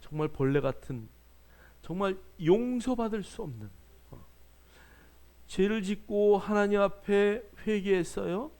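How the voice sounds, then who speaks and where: A man's voice: high voice, animated, a little slow, pauses often, a little mellow. A male pastor preaching a sermon in church, joking with the congregation and urging them on. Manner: playful, jokes with the congregation; exhorting, calls out to the congregation.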